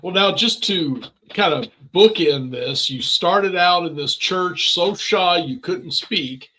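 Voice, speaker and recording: A man with a notably high-pitched, bright and forceful voice hosts a casual interview. He talks in an informal, chatty way, introducing and questioning his guest conversationally. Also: takes it slowly, rough recording. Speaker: interview host.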